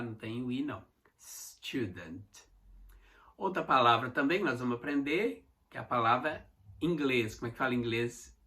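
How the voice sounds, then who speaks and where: Bright-voiced Mineiro man teaching English. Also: mid-range voice. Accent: Mineiro Brazilian Portuguese. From Minas Gerais, Brazil. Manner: slow, repeated pronunciation drills with frequent "tá?" check-ins. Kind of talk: online language lesson.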